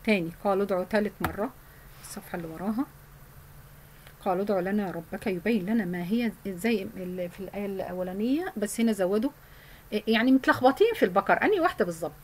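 Speaking in casual colloquial Egyptian Arabic, a woman teaches Quran memorization, explaining points and slowly reciting verses. Her voice is medium-pitched, and the recording quality is rough.

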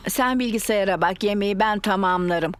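A woman voicing a caring, sensible mother pig in a children's cartoon, motherly and gently firm. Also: medium pitch, brisk, clear, resonant tone, dry recording, close to an everyday voice. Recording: music behind the voice.

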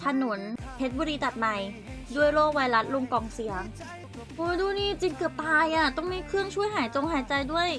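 A young woman with a high, bright voice chats and giggles as she tells stories about old photos. She fires off quick asides with constant laughter, and faint music plays behind her. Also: animated. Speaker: streamer. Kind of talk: casual storytelling while showing childhood photos.

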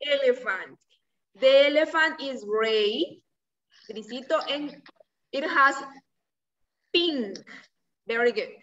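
Young woman, native Spanish speaker, high voice, slow encouraging toddler-directed teaching, distant video-call sound. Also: animated, fairly bright tone. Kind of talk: preschool vocabulary lesson for repeat-after-me practice. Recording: distant, slightly muffled video-call audio.

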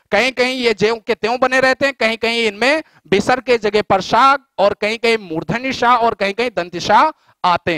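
High-voiced man teaching a lecture. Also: a bit bright, dry recording. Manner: repeats points, asks and answers his own questions. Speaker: exam coaching teacher. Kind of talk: explanatory lecture.

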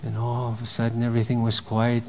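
A man, a mayor giving opening remarks at a symposium, telling a legend in a measured, repetitive storytelling cadence. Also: mid-range voice, monotone, a little mellow, a little hiss or hum. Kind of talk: storytelling speech. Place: conference hall. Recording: long hall reverb.

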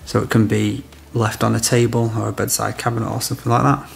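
A man's voice: on the low side, little pitch movement, quick pace, vocal fry. A man in his thirties, an electrician, talking through a job step by step while demonstrating in a house. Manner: practical, explaining step by step. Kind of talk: on-site product demonstration. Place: house interior, small room.

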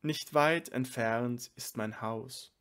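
A man's voice: medium pitch, takes it slowly, a bit bright. A man reading the part of a tearful, devoted male sage overcome with love, in a reverent, slightly raised voice.

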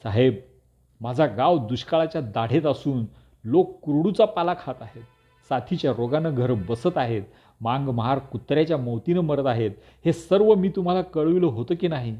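A man voicing a defiant middle-aged village headman who speaks out loudly and forcefully, on a dull lo-fi recording. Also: medium pitch, animated, moderate pace, soft background music, natural voice. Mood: shouting. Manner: loud, forceful, indignant outbursts.

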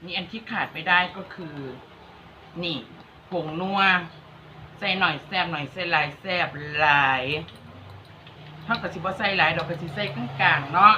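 A woman's voice: lowish voice, normal speed, long pauses, sharp tone, a little hiss or hum. A woman with an Isan accent hosting a cooking vlog, chatting and teasing while talking straight to her viewers. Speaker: vlog host. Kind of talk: casual cooking vlog chat. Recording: dull lo-fi recording.

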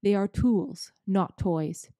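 A woman voicing Father Christmas, slow and stately, in a storybook reading. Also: medium pitch, mellow, no echo, clean studio sound, close to an everyday voice. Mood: solemn, kindly. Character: huge, kindly, solemn old Father Christmas.

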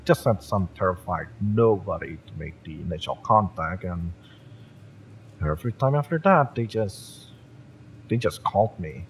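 Playing a bitter, fiery young mercenary, a man with a low, animated voice addresses the listener in a romance audio roleplay at normal speed. His tone is taunting, sardonic, and impatient, with sighs and swearing, and the poor audio carries slight background noise.

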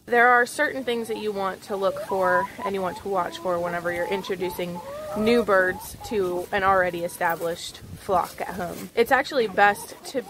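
A woman's voice: medium pitch, moderate pace, background noise. A woman in her twenties chatting and explaining chicken care at her coop, filmed on a phone at arm's length outdoors. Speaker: homestead vlogger. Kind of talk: casual vlog narration. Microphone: phone held at arm's length. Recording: clucking chickens and clicks behind.

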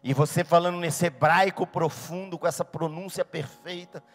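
A man voicing Jesus as a gentle, calm teacher, speaking lower and more softly. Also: normal speed, close to an everyday voice. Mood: gently amused.

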